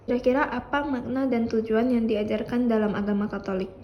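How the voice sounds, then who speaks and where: A woman's voice: a little high, fairly even intonation, a little fast, lo-fi sound. Woman student interviewer, polite and a little hesitant, noisy recording. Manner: polite, hesitant questions with fillers.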